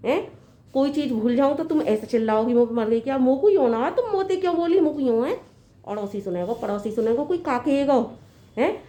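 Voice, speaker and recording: An earnest young daughter-in-law, played by a woman, lectures her mother-in-law in a fairly high voice. She reasons patiently and at length. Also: lively intonation, a little fast, mellow. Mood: complaining. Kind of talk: comedy sketch acting.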